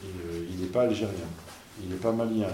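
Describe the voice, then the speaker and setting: A man's voice: fairly low pitch, fairly even intonation, quick pace, dark tone, echoey room, slight background noise. A man, a parish priest, giving an informal talk to an audience, conversational and emphatic, full of fillers and restarts.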